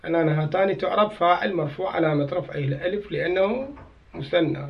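A man's voice: high-pitched, dull audio. A man with an Iraqi Arabic accent teaching grammar to a class, reading from a text, repeating key phrases and quizzing his students.

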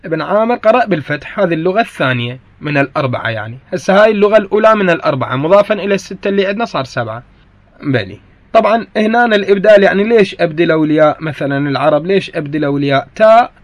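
Iraqi man teaching with a slightly high voice. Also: animated, rapid-fire, no room sound. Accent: Iraqi Arabic. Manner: explains point by point, repeats key phrases; corrects himself mid-sentence. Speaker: grammar teacher. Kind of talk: recorded grammar lesson.

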